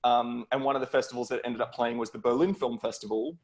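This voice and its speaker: A middle-aged Australian man appears as a guest film producer on a video call, telling stories conversationally. He talks quickly, with a medium-pitched voice and fairly even intonation.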